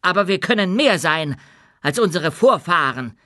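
A man voicing a commanding dwarf queen in an audiobook, speaking with loud, proud oratory. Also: high voice, big pitch swings, normal speed, no echo, studio quality, voice pushed up, heavily acted. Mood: rousing. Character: commanding dwarf queen addressing her people. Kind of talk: audiobook character voice.

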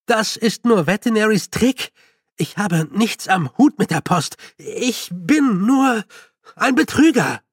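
A man's voice: sits high, lively intonation, measured pace, slightly rough, no echo, clean studio sound, pitched above the performer's own voice, exaggerated voice. A man voicing a frantic young male con man, agitated and breathless. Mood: rattled. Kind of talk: audiobook character voice.

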